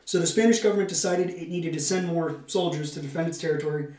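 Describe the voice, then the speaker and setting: A man's voice: fairly high pitch, quick pace, a little mellow. A man hosting a podcast, mixing semi-scripted narration with casual, playful banter and a theatrical turn of phrase. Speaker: podcast host. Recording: roomy echo, distant microphone.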